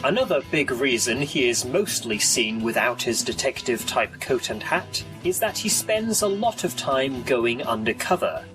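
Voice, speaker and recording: A man's voice: mid-range voice, animated, moderate pace, few pauses, over music. A man reading scripted documentary narration as the narrator.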